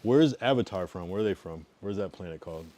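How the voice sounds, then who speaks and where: This thirtysomething livestreamer hails from Massachusetts and Connecticut on the US East Coast and talks with his viewers in an easygoing way. He has a deep voice with lively intonation and speaks fast, sometimes loud, sometimes fading into a mumble.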